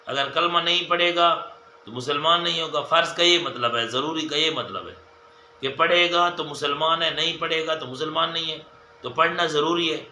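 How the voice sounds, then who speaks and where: A man acting as a mufti gives a religious lesson, counting off his points one by one, repeating them, and often turning to viewers as dear friends. His voice is a little high, pushed and bright, in an echoey room with faint ambience and slight background noise.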